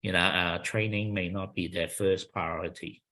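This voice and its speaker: A kung fu instructor with a Chinese accent speaks easily and reflectively in a casual conversational interview, often adding "you know" and laughing lightly. His male voice sits low with a sharp tone. He keeps fairly even intonation at a normal speed.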